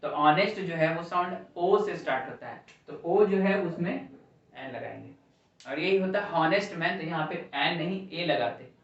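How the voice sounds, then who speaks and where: A man's voice: on the high side, expressive, unhurried, fairly bright tone. Man teaching grammar in an echoey classroom. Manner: asks the class questions and repeats answers. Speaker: English teacher. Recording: echoey classroom from far off, dull.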